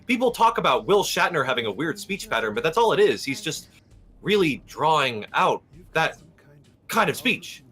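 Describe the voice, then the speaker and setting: This livestream co-host has a fairly high, sing-song voice that's bright and forceful with a breathy edge, delivered at normal speed. He rambles through casual chat, now and then playfully putting on British and Irish accents.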